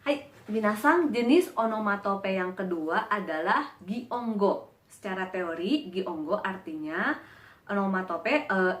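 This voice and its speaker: A woman's voice: mid-range voice, echoey room. A woman giving a casual Japanese lesson, playfully mimicking animal sounds and bells as she explains words. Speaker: Japanese language teacher. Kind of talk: casual online language lesson.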